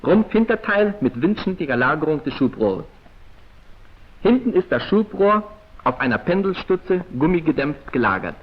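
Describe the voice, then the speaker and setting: A 1940s training-film narrator, male, reaches us through a dull and muffled vintage recording. At a moderate pace he declaims formally, precisely and in clipped phrases, his rather high, husky voice rising and falling with energy.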